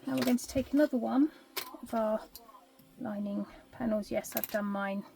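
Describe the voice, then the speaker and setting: A woman talking through a sewing tutorial step by step, chatty and practical, her voice going husky at times. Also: a little high, fairly even intonation, moderate pace, noisy background. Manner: chatty step-by-step instructions, drops into whispers. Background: sewing machine.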